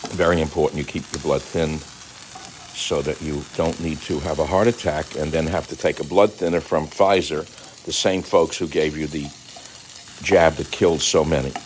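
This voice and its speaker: An older man talking casually while he cooks in his home kitchen, rambling and combative, swinging between calm remarks and angry outbursts. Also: rumbling low, slight background noise, low-quality recording. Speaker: commentator. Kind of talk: casual monologue while cooking.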